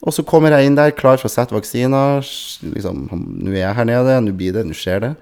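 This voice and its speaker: A man's voice: medium pitch, creaky, smooth. A man co-hosting a casual podcast, telling a rambling anecdote full of fillers and restarts and acting out the other people in it. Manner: animated storyteller who acts out other people's voices. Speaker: podcast co-host.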